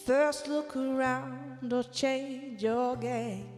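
A woman in her thirties singing soulful, slow folk songs while playing acoustic guitar into a stand mic in a small barn venue. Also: high-pitched, fairly even intonation, a little mellow. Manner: soulful, slow, drawn-out lines. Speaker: singer-songwriter. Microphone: vocal mic on a stand.

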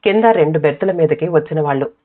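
A woman narrating an audiobook short story in a calm, measured reading voice. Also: low voice. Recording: tinny, phone-like sound.

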